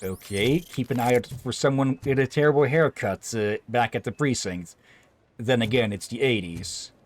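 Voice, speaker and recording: Halting man doing casual gaming commentary. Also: mid-range voice, a little hiss or hum. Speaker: gaming video host. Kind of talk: casual let's play commentary.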